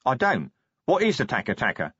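A man voicing a weary male watch commander who speaks curtly and sardonically, his voice raised and lively. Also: mid-range voice, breathy edge, no room sound, pitched above the performer's own voice, full character voice. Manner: curt, sardonic, brisk. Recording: dry, slightly dull audiobook sound.

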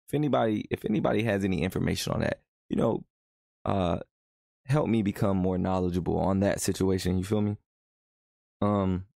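A young man hosting his own podcast, talking in a relaxed, conversational way and often checking in with "you know what I'm saying". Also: fairly low pitch, vocal fry, dry recording, clean studio sound. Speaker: podcast host. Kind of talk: casual solo podcast monologue.

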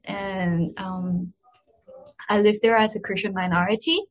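A young woman from Taiwan, a blogger, answering interview questions in a soft voice with frequent ums and "you know". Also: mid-range voice, steady tone, unhurried, rough recording. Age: young adult. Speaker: guest, blogger.

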